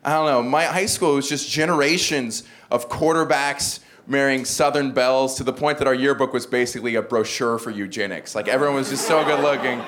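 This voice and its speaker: A young man from the American South, with no regional accent, does a stand-up set full of dry, self-mocking asides on a comedy club stage before a live audience. His mid-range voice runs a little fast with few pauses, and the live recording has slight background noise and loud laughter.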